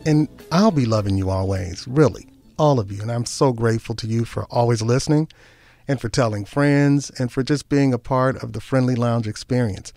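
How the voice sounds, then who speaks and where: A man in his late forties hosting a late-night radio show, with a smooth, playful announcer delivery and a studio microphone. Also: medium pitch, moderate pace, darkish tone, no room sound, soft background music. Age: 40s. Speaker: radio host.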